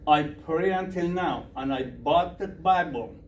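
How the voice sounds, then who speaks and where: A minister whose first language is Farsi gives a slow workshop talk in broken, Persian-accented English, repeating questions back to the audience. His voice is a little high, recorded from a distance in an echoey room with faint noise.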